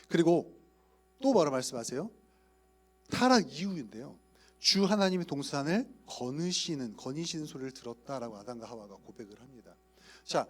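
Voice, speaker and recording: A male youth pastor giving a playful sermon, often asking his listeners questions. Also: fairly high pitch. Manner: playful, asks the audience questions. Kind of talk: sermon to young adult leaders.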